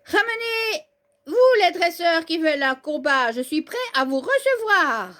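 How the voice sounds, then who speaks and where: A woman reading aloud the lines of an eager, boastful young male Pokémon trainer from a manga, excited and declaiming. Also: extremely high pitch, measured pace, voice pushed up, heavily acted.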